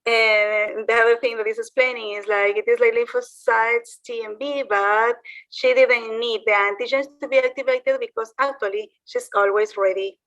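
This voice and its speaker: A woman presenter giving a live interpreter voice over a video, translating from on the fly with halting, restarted phrases. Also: on the high side, fairly even intonation, a bit bright, low-quality recording. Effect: live interpreter voice, translating a playing video on the fly. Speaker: workshop presenter.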